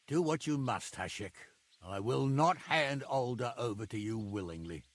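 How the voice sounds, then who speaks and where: An actor playing a defiant old lord in a video game, gravelly and grimly resolute. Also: male voice, medium pitch, animated, moderate pace, no echo, close to an everyday voice. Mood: grim defiance. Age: older. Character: defiant old lord protecting his son. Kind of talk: dramatic video game acting.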